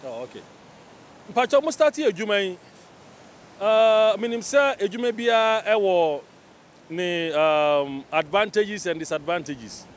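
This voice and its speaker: A man's voice: high-pitched, lively intonation, unhurried. A man with a Ghanaian accent hosting an interview, chatty and switching between English and Twi. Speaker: interviewer host. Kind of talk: casual interview. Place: outdoors on a beach by the sea. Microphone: handheld mic. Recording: faint outdoor traffic noise.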